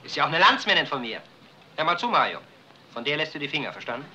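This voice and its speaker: An actor playing a fussy, nervous waiter in a 1950s film. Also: male voice, a little high, big pitch swings, pushed and bright, heavily acted. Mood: warning. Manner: fussy, quick-talking. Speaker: Fritz, a waiter. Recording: old film soundtrack with hiss.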